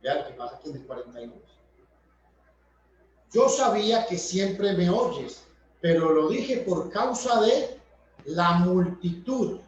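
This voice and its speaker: A man teaches from scripture at an unhurried pace, rephrasing each idea again and again. His voice sits high. The recording is dull and distant, with heavy room echo. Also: big pitch swings, slight background noise. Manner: explanatory, repeats and rephrases points. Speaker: preacher. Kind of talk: Bible study sermon. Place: church hall.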